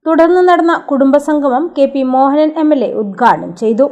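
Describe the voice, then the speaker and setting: A woman giving a formal, even news voice-over report. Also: sits high, normal speed, noisy background.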